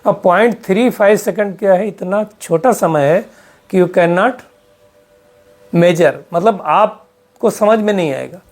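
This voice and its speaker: A man's voice: sits high, slow, darkish tone. Man, spiritual teacher, live talk, rhetorical questions, English words mixed in. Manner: keeps asking the audience rhetorical questions; mixes English terms into his Hindi.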